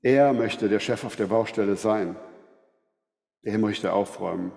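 A man preaching a sermon, earnest and measured, often asking rhetorical questions. His voice is mellow and dark-toned. The sound rings with the long reverb of a large church hall. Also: on the low side, vocal fry, faint music behind.

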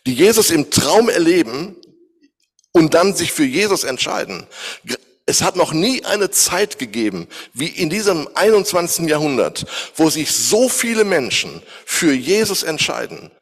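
A man with a voice on the high side preaches a sermon in a big-sounding room. He speaks straight to his listeners, posing searching questions to them.

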